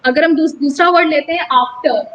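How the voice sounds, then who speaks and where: A woman teacher giving a lesson on English pronunciation, slowly spelling out syllables and stressing words. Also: high voice, a bit bright, dull audio.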